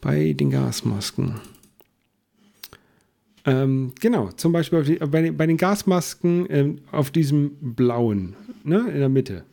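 A man's voice: on the high side, animated, a little slow, gravelly, warm tone. A man, a podcast guest, explaining things at length in casual chat, with many restarts and fillers.

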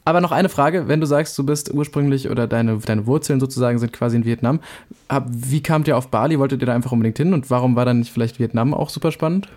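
A man's voice: medium pitch, fast talker, a little mellow. A young man co-hosting a podcast in casual chat, chatty and teasing. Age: young adult. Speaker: podcast co-host.

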